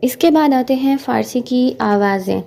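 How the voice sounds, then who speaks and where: A woman's voice: high-pitched, normal speed, gravelly, warm tone. A woman with an Urdu-speaking accent teaching an online language lesson, explaining sounds patiently step by step. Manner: patient, explains step by step, often checks with "theek hai".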